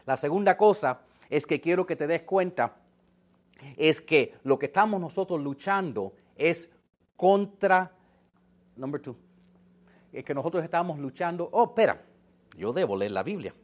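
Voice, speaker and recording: A man's voice: a little high, expressive, measured pace, pauses often. A man preaching a sermon in as a pastor, conversational and emphatic, dropping in English phrases.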